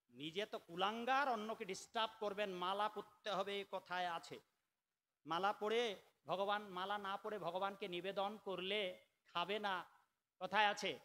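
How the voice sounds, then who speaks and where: A man preaching a sermon in a scolding, argumentative way, dropping to soft asides and then bursting out loudly. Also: high voice, long reverb tail. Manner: scolding, argumentative, switching between soft asides and sudden loud outbursts.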